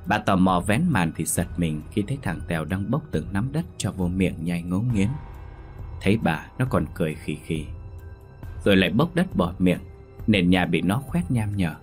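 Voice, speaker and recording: A man narrating a ghost story in a slow, dramatic manner. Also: deep voice, lively intonation, faint music behind.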